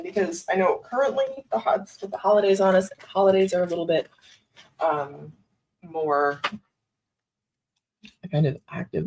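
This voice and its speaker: A woman's voice: fairly low pitch, a little mellow, rough recording. A woman hosting a casual live stream, thinking aloud with fillers and small laughs, talking into a desktop microphone. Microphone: desktop USB microphone.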